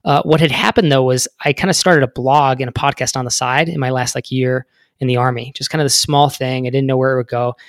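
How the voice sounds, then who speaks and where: A man's voice: medium pitch, fairly even intonation, fairly quick, no echo, studio quality. A man in his thirties telling his story as a podcast guest, rambling with many fillers. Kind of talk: casual interview talk.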